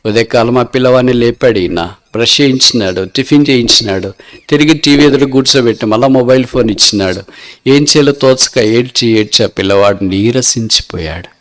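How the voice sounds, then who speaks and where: A man with a Telugu accent preaching a sermon, telling a story in an animated way and giving the lost child and the kind man voices of their own. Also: on the low side.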